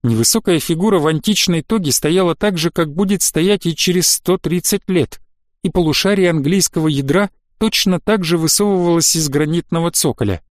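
Male audiobook narrator, steady storytelling, fairly high voice, dead-dry booth. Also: a little fast, no echo. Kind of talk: scripted narration.

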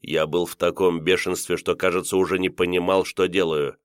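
A man's voice: low voice, little pitch movement, fairly quick, clean tone, dry recording, clean studio sound. A man narrating a first-person audiobook in a terse, tense manner.

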